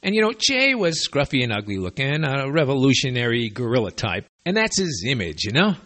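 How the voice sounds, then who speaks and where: Working on borrowed, makeshift gear instead of his regular studio, a US podcast host with a slight lisp offers opinionated commentary that wanders off on tangents. His medium-pitched voice is very animated, brisk, bright and forceful, with a sardonic, chatty edge.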